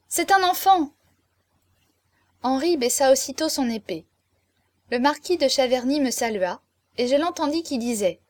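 Woman narrating a novel, bright and close. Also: sits high, no room sound. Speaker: audiobook narrator. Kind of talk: scripted first-person narration of a novel.

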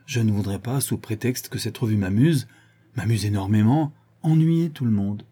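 A man voicing a lively, teasing young woman from a storybook, speaking in a raised, bright voice. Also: on the low side, normal speed, breathy edge. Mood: playful.

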